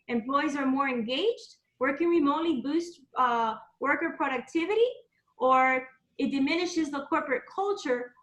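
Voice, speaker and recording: A woman with a high, bright voice presents a live webinar and talks through her points casually, with plenty of ums and asides. Her voice comes over online meeting audio and rings with a roomy echo. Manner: conversational, loose with frequent ums and asides.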